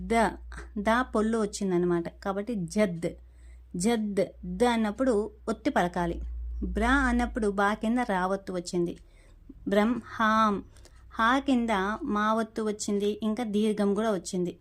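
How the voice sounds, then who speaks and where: A woman teaching a devotional lesson. She explains how to pronounce each syllable of a chant and spells it out slowly when she demonstrates. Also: medium pitch.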